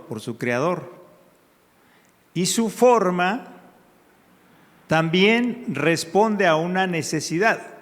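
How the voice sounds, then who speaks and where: A man preaching a sermon in a church, praying in drawn-out phrases and then teaching with growing emphasis. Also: fairly high pitch. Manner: slow, prayerful, drawn-out phrases. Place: church hall. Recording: hall with long reverb.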